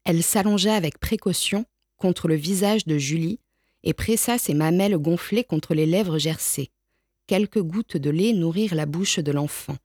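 A woman reads a storybook aloud in a calm, measured, unhurried manner. Her voice sits on the lower side, and the recording is close and dry with no room sound. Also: slightly rough, no room sound. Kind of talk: storybook reading.

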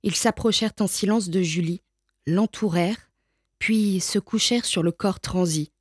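A woman reading a storybook aloud in a calm, measured, unhurried way. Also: medium pitch, slightly rough, no echo, studio quality.

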